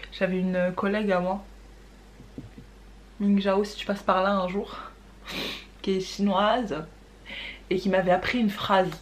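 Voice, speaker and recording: A woman talking casually through a makeup tutorial. She keeps trying out foreign words and repeating them, and sometimes drops to a soft murmur while she works. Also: medium pitch, a little hiss or hum. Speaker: beauty vlogger.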